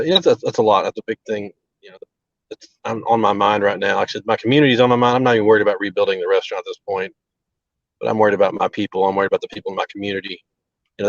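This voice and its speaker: Low, flat man on a breaking-up call. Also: no room sound. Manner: halting, filler-heavy, earnest. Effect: choppy, breaking-up call connection. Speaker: restaurant owner. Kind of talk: live remote interview. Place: outdoors near a relief center. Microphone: video call over a bad mobile connection. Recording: dull lo-fi call audio, very dry.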